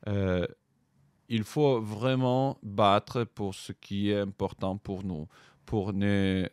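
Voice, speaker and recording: Middle-aged Ukrainian man, accented French, very deep and slow, hesitant interview guest. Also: clean tone, dry recording, studio quality. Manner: hesitant, many pauses and fillers. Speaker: guest, writer and soldier. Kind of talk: podcast interview.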